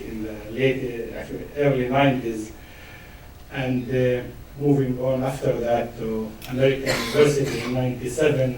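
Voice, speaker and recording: A middle-aged man from Israel with a Palestinian Arabic accent gives an academic lecture, pausing often with fillers and restarts. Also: medium pitch, darkish tone, a little hiss or hum. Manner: hesitant, many fillers and restarts. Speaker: guest lecturer. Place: large lecture room. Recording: echoey hall, mic far off.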